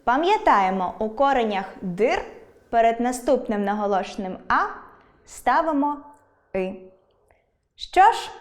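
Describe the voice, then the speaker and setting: A woman teacher giving an online school lesson, explaining spelling rules clearly and patiently with examples. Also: on the high side.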